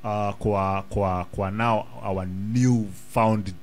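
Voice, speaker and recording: Talking extremely slowly, a man in his thirties with a Kenyan accent is the guest rapper in a laid-back radio studio interview. He's animated, blends English and Swahili slang, and often restarts his sentences. The recording is close-up on a studio mic mounted on a boom arm in a small room.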